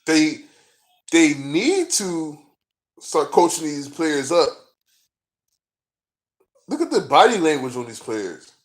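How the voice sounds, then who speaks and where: A man's voice: on the high side, big pitch swings, takes it slowly, pauses often. Profane, frustrated man ranting to camera. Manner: profane, frustrated, rambling with many fillers. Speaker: vlogger, sports fan. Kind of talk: casual rant to camera.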